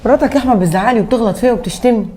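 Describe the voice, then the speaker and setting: An actress playing a scheming, spiteful mother-in-law, with an Egyptian Arabic accent and a scolding, sharp-tongued manner. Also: on the high side, racing, close to an everyday voice. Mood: sweetly complaining. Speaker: actress in a web drama.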